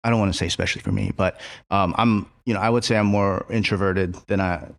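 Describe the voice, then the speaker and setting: A chef and restaurant co-owner talking in a casual podcast conversation, reflective and halting with many fillers and restarts. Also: male voice, fairly low pitch, fairly even intonation, gravelly, no room sound.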